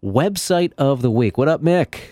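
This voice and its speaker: A man's voice: medium pitch, animated, normal speed, dark tone, no echo, clean studio sound. A man hosting a morning radio show, chatting and teasing his guest in upbeat banter. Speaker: radio host.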